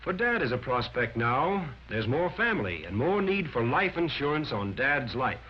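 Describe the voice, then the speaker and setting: A man with a medium-pitched, slightly rough voice reads scripted narration for a 1940s instructional film, his pitch swinging widely at a moderate pace. His delivery is emphatic, declarative and instructive. The audio is a dull, band-limited 1940s film soundtrack with music.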